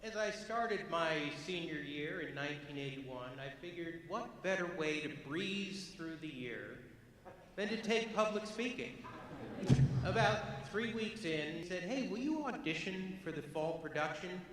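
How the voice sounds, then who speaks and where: A man's voice: fairly high pitch, animated, unhurried, a bit bright. A man in his fifties giving an earnest, heartfelt tribute to a former teacher. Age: 50s. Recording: echoey hall from far off.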